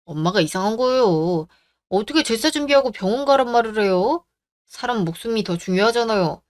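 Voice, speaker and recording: An actor playing a firm young husband in a radio drama, calmly reasoning and standing up for his wife. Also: sits high, a little fast. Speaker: husband and son.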